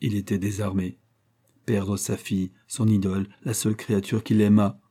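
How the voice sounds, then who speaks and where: A man narrating a classic novel as an audiobook, in a measured, literary storytelling manner. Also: lowish voice, little pitch movement, mellow. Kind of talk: scripted narration.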